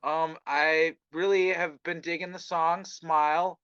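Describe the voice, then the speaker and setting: A man's voice: a little high, flat delivery, measured pace, a bit bright, clean tone, no echo, dull audio. A man hosting a podcast, asking questions in an upbeat, friendly casual interview. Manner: upbeat, friendly, hype intro. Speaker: podcast host.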